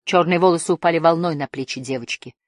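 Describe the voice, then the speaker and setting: A woman narrating a fantasy story in a measured, expressive storytelling manner. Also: low voice, dry recording, studio quality. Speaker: audiobook narrator.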